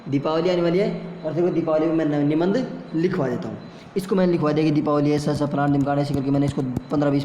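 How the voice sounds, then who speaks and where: A man's voice: fairly high pitch, mellow, dull audio, a little hiss or hum. A man teaching a classroom lesson, asking questions and answering them himself, heard in an echoey room a long reverb. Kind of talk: classroom lecture.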